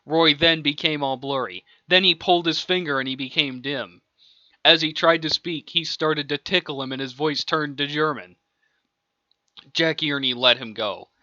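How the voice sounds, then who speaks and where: A man casually reads out an improvised homemade audiobook, rambling and chuckling between lines. His voice is bright and a little high. The recording is dry and dull, like a lo-fi home setup. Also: moderate pace, dry recording. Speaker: amateur audiobook reader. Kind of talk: casual improvised story narration.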